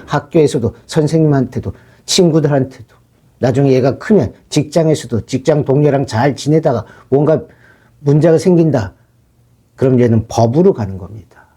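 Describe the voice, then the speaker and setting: Middle-aged man, very dark tone, husky, firm lecturing counselor. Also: mid-range voice. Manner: firm, lecturing, re-enacts his own stern talk. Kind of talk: spoken commentary on a counseling case.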